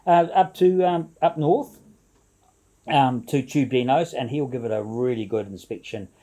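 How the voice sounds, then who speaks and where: A man's voice: medium pitch, a little slow, mellow. A man chatting casually and ramblingly to camera as a video blogger, with a jovial, informal, slangy way of talking.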